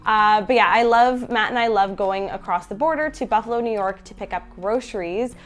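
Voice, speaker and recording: Chatting in her bedroom for a grocery haul video, a young Canadian food vlogger sounds stuffed-up and nasal from a cold. Her mid-range voice moves briskly, and she stays chatty, cheerful and full of fillers.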